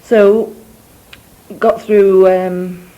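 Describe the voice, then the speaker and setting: Her words are drawn out and her intonation fairly even as this young woman, medium in pitch, rambles through a cassette letter home, heavy with ums and asides. Her accent is part Scouse, part Scottish. The indoor cassette or dictaphone recording has its highs cut off.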